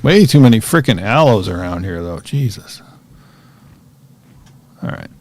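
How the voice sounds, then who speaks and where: A man giving relaxed, chatty commentary while he plays a survival game, talking to himself as he goes. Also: fairly low pitch, a little slow. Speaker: gaming streamer. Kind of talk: casual gameplay commentary.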